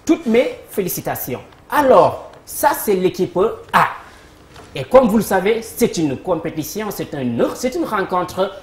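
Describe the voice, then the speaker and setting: Low-voiced woman hosting a quiz. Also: sing-song, measured pace. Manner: upbeat announcer, cues applause and addresses viewers. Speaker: game show host. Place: TV studio. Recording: echoey studio with faint noise.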